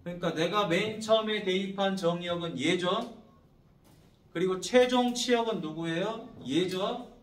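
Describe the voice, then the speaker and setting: A man teaching high school math as a classroom lecture, constantly checking in with his students through short prompting questions. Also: unhurried, echoey room, distant mic.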